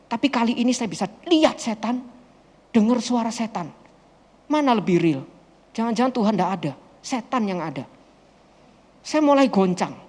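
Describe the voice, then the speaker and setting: A man, a pastor answering questions from a group and telling a story in a lively, expressive way. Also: very high voice. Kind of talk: animated storytelling talk to a group. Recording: long hall reverb.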